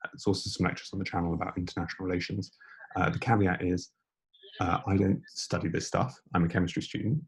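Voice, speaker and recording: A young man giving an informal online lecture, speaking in a hushed near-whisper as quietly as possible, breathy as if losing his voice. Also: low voice, fairly even intonation, quick pace. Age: young adult. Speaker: debating lecturer.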